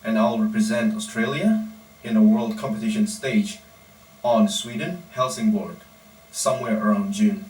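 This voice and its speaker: Low-voiced young man, roomy echo. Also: moderate pace, darkish tone. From Indonesia. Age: 20s. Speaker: powerlifting coach and founder. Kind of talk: prepared personal monologue. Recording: roomy echo, distant mic, faint background noise.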